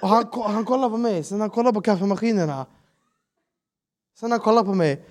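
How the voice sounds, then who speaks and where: Animated man telling a story. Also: sits high. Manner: animated, acts out quotes in broken English. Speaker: podcast host. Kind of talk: casual storytelling chat.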